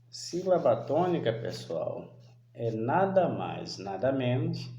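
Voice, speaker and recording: A male primary school teacher giving a remote lesson, talking slowly and deliberately and often asking whether the class understood. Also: mid-range voice, a little mellow, reverberant. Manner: slow, deliberate, repeats questions to check understanding.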